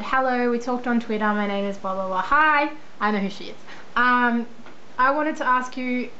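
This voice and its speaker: A young woman with an Australian accent chatting casually in a rambling, self-deprecating, informal way as she answers viewer questions. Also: medium pitch. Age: young adult. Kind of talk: casual chat. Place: indoors at a computer. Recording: dull lo-fi sound, faint background noise.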